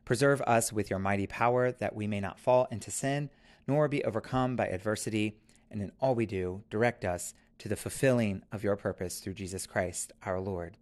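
Guy with a lowish voice reciting church liturgy, measured and formal. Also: darkish tone. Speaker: officiant leading a church prayer service. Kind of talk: liturgical reading and recited prayer.

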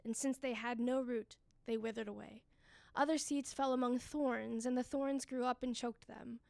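Woman leading prayers in a creaky, higher voice. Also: no room sound. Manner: measured, phrase-by-phrase recitation. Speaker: worship leader. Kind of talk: reading scripture and leading liturgical prayer.

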